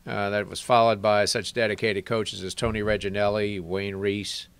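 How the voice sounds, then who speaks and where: A man's voice: on the low side, level tone, normal speed, clear, resonant tone, dry recording. A man announcing awards at a press conference, reading formally from notes and stumbling now and then. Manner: reads from a script, stumbles over words.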